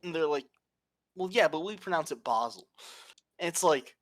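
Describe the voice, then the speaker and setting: Man co-host, slightly high voice, dry close sound, profane storyteller. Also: expressive, normal speed, fairly bright tone, dry recording. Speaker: podcast co-host. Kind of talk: casual chat.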